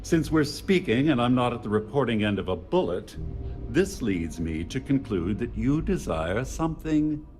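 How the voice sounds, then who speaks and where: A man playing a pompous, calculating gentleman villain in a video game, speaking in wordy, deliberate phrases. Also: mid-range voice, very animated, close to an everyday voice. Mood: smug, probing. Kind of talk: video game dialogue acting. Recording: music behind the voice.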